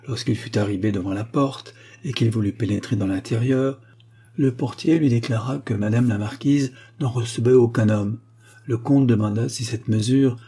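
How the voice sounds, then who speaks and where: Guy narrating an old novella, steady, husky and mellow. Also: mid-range voice. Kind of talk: audiobook narration of a classic novella.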